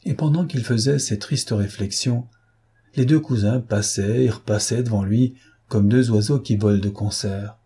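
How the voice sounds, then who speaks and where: A man narrating a classic novel in a measured, even reading. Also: lowish voice, husky. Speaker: audiobook narrator.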